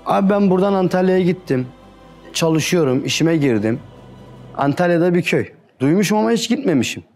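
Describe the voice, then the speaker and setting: A man's voice: sits high, animated, a little fast, a little mellow, faint music behind. A man giving an earnest personal testimony as an interview guest, often repeating "I said" as he tells it. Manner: earnest storytelling, repeats "I said" and addresses listener as "abi".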